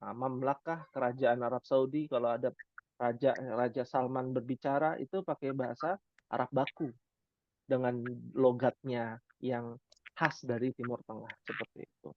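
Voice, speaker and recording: A man's voice: mid-range voice, fairly even intonation, moderate pace, dry recording. Man teaching Arabic, dry lo-fi sound. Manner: conversational, rhetorical questions, frequent "ya" fillers. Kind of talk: online class lecture.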